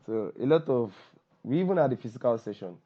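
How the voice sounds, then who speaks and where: With a mid-range voice gone hoarse from shouting, a Nigerian workshop host and copywriter is very animated and fairly quick on an informal group call. He makes jokes, puts himself down playfully and repeats phrases for emphasis. Audio comes through an online call microphone and sounds dull and lo-fi.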